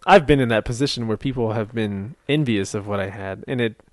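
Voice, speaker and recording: A man's voice: on the low side, no echo, studio quality. A man co-hosting a podcast, joking and rambling in casual chat. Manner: joking, rambling, quick to laugh. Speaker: podcast co-host.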